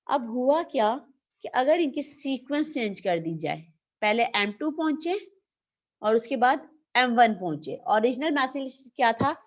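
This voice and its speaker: A woman teacher gives an online lecture with a slightly high voice, asking questions and answering them herself. The audio is dull and lo-fi. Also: animated, unhurried.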